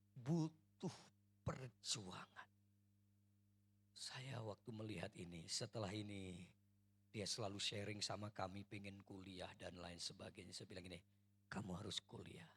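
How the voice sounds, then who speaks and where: A man's voice: deep voice, gravelly, a bit bright, slightly rough. A male pastor preaching a sermon, telling a personal story and addressing the congregation earnestly.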